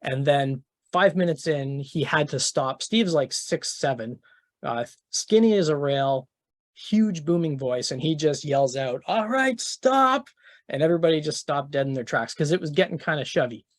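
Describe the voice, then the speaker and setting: A man's voice: on the high side, moderate pace, dry recording, studio quality. Middle-aged man telling a keynote story. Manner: casual and conversational, with many fillers and restarts. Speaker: keynote speaker. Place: conference venue.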